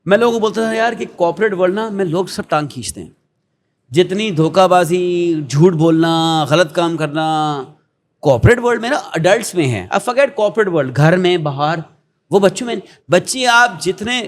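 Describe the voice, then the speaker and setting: A middle-aged man with a Pakistani accent and a high, animated voice talks as a guest in a conversational interview. He founded an educational venture, and his earnest, preachy talk often slips into quoted asides.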